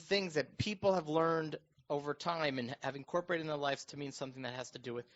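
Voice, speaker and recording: Through dull, muffled, low-quality audio, a radio show host and school board member talks politics casually, explaining earnestly and repeating himself to stress points. He speaks fairly quickly in a voice that's a bit bright.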